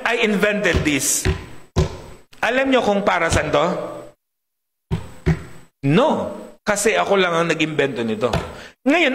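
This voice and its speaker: A middle-aged male preacher with a big deep voice, preaching a sermon and joking with his congregation. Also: a little hiss or hum. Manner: lively, joking with the congregation, mixing Tagalog and English. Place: church hall. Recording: reverberant hall.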